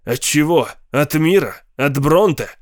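A man voicing a gloomy, withdrawn teenage older brother who speaks in a flat, sullen way. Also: a little high, measured pace, no room sound, studio quality. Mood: bitter.

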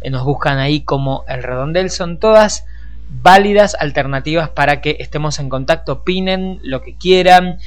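An Argentine radio host and journalist presents his programme conversationally and discursively, addressing listeners directly. His voice is fairly high-pitched, clear and resonant, at a moderate pace.

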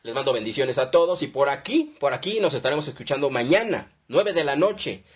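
A man's voice: mid-range voice, animated, brisk, slightly rough. A man with a Mexican accent hosting a call-in radio advice show, chatty and upbeat as he reads listener messages and phone numbers.

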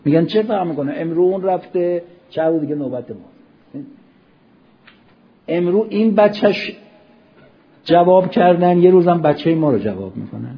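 A middle-aged man preaching a Ramadan sermon, asking rhetorical questions and swinging between soft and loud. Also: high-pitched, expressive, long pauses, husky. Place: mosque hall. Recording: dull lo-fi recording.

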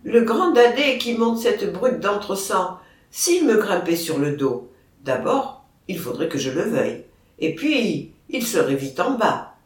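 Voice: medium pitch, very animated, a little slow. A reader doing a boastful mocking horse. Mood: scornful. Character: proud scornful male horse. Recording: roomy, distant mic.

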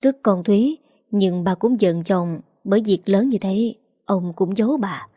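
A woman reading a novel aloud in a steady, even way as the narrator. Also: mid-range voice, a little slow, slightly rough, no room sound, studio quality. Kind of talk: scripted story narration.

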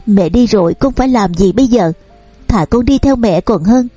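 A woman's voice: on the high side, lively intonation, normal speed, mellow, husky, dry recording, soft background music. A woman voicing a desperate young peasant girl who pleads through tears in a storybook reading. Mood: grief-stricken. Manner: sobbing, begging.

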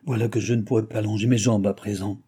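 A man's voice: fairly low pitch, steady tone, quick pace, dark tone, husky. A man voicing a hot-tempered wounded nobleman who curses and blusters. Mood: angry. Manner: blustering, cursing.

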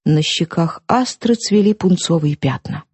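Husky, dark-voiced woman narrating. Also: fairly low pitch, no room sound. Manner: measured, steady storytelling. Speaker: audiobook narrator. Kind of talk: audiobook narration.

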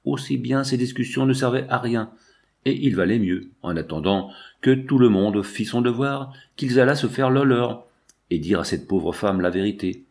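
A man narrating a literary novel as an audiobook, reading in an even, deliberate way. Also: medium pitch, creaky.

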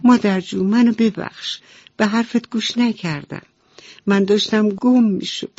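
A woman voicing a small, timid baby duckling in a small, high, worried voice. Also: fairly even intonation, darkish tone, no echo, natural voice. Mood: sorry. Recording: dull radio recording, faint music.

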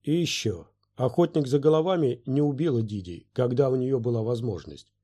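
A man's voice: medium pitch, normal speed, mellow, lightly acted. Qui-Gon, a man voicing a firm, impatient Jedi master. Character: calm, firm adult male Jedi master.

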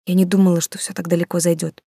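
Brief: woman reading a guilty tearful young woman, soft, halting, lowish, dry. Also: level tone, creaky, breathy edge, dry recording. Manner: soft, halting, apologetic, near whisper.

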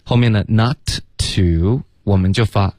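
A man teaching English phrases on a radio lesson, drilling slow, careful pronunciation between casual explanations. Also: lowish voice, a little mellow, dry recording, studio quality.

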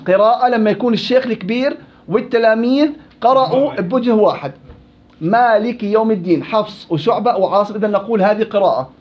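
Male recitation teacher; high-pitched and quizzing, on a muffled lo-fi recording. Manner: questioning, explains with examples and quoted verses. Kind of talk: classroom lesson with questions to students. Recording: dull lo-fi classroom recording.

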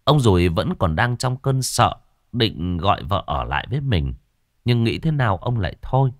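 A man narrating a ghost story in a dramatic, expressive storytelling manner. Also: fairly low pitch, normal speed, dry recording, studio quality.

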